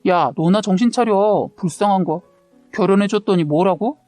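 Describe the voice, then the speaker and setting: A woman voicing an arrogant, cheating husband in a read-aloud story, speaking in a slow, menacing way. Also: medium pitch, darkish tone, no room sound, soft background music, natural voice.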